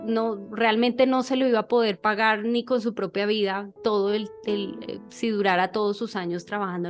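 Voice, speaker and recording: A woman with a fairly high voice gives a relaxed sermon talk. She speaks conversationally, pausing on fillers and checking in with her listeners, over faint background music.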